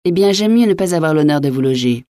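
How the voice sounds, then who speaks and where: An unflappable innkeeper answers with cool, mocking insolence, voiced by a woman reading an audiobook. His tone is low and mellow, recorded close and dry. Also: lively intonation, fast, no echo. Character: impertinent, phlegmatic male innkeeper, mocking.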